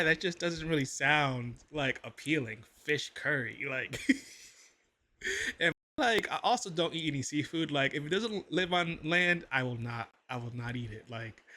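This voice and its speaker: A man's voice: on the high side, bright, forceful tone. A man hosting a reaction video, musing aloud in casual commentary with lots of fillers and restarts.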